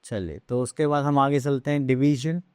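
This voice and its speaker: A man teaching a math lesson on fractions, asking questions and answering them himself, slipping into English terms and reading numbers out slowly. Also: medium pitch, a little mellow, clean tone, dry recording, clean studio sound. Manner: drawn-out slow reading of numbers.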